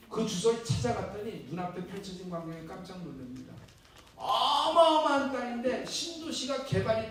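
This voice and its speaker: Male pastor, high voice, lively storytelling sermon; distant mic in an echoey church. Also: slight background noise. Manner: animated storyteller, quizzes the congregation. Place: church hall.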